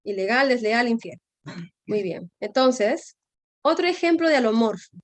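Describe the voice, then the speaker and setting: A woman's voice: a little high, animated, measured pace, no echo. A woman teaching a grammar class, explaining patiently and checking often with her students. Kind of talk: online class lecture.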